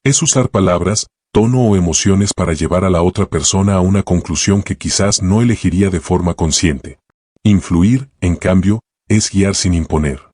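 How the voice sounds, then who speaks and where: A man narrating a self-help audiobook in a calm, measured way, speaking in short reflective phrases. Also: deep voice, no echo, studio quality.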